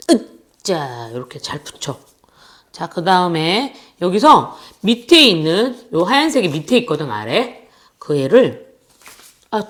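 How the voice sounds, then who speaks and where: A woman in her thirties who teaches young children, talking them through a paper craft in a playful, chatty, singsong way. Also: fairly low pitch. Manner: playful, singsong, chatty, addresses kids directly.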